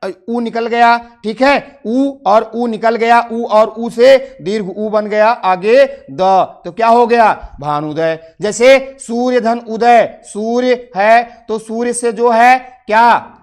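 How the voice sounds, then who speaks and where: Male teacher, Uttar Pradesh Hindi accent, high voice, drills viewers with repeated quiz questions. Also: takes it slowly. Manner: keeps asking the class short quiz questions and answering them himself; addresses viewers as friends. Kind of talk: exam-prep grammar lesson.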